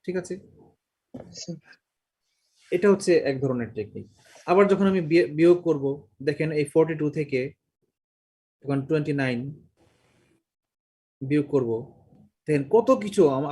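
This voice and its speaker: A middle-aged man lectures a class on mental math. His voice sits slightly high, and he keeps throwing questions at his students while slipping English words and numbers into his speech. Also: moderate pace, long pauses, husky. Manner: lively, asks the class questions. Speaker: math teacher.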